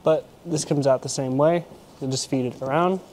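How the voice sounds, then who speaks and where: In this product installation demo, a twentysomething installer talks at a moderate pace in a steady, medium-pitched, darkish voice. He explains the kayak carrier setup step by step while moving around a vehicle in an indoor garage, and there's a little background noise.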